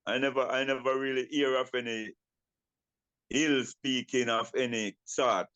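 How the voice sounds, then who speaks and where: An older man with a Jamaican accent speaks as a Rastafari elder in an interview, using Rasta speech and patois, deliberate and often repeating his words. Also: mid-range voice, little pitch movement, fairly bright tone, clean tone, no echo, poor audio. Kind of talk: reflective interview talk.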